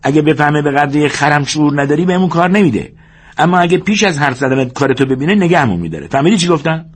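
A man acting out a short-tempered ranch hand who lectures his slow friend. The voice is strained high and husky, with a lively, up-and-down delivery. It is the sound of an audiobook character scolding. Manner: scolding, raised voice, emphatic. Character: exasperated sharp-tongued wiry ranch hand, bossy but protective.

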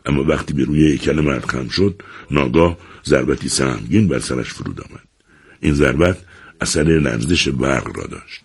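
A man narrating a novel in a dramatic, expressive audiobook reading. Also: extremely low pitch, gravelly, breathy edge.

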